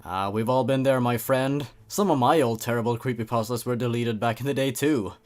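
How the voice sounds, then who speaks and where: A man with a medium-pitched, brisk, slightly mellow voice hosts a comedy video, reading horror fan fiction aloud and commenting on it. He shifts between dramatic narration and wry, sarcastic asides, leaning into theatrical emphasis.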